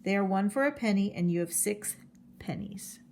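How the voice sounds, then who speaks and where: A woman voicing an amused, gently teasing male shopkeeper in a storybook read-aloud. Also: medium pitch, lively intonation, normal speed, gravelly, slight background noise. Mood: kindly.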